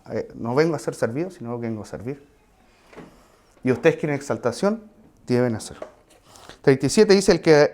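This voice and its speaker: A man's voice: fairly high pitch, darkish tone. A man preaching a sermon in a conversational way, with asides and questions to the congregation.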